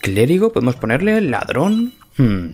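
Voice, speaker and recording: A man's voice: fairly low pitch, expressive, normal speed, faint music behind. Playful Spanish man narrating gameplay. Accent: Spain Spanish. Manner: playful, chatty, laughs often. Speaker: gaming let's-play host. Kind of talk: casual gameplay commentary.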